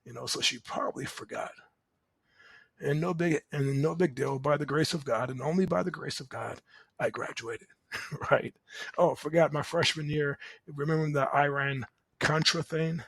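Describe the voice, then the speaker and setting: Gravelly, husky man telling his story. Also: fairly high pitch, moderate pace, no echo. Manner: animated, conversational, chuckles often, asks "right?". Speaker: podcast host. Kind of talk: personal storytelling monologue.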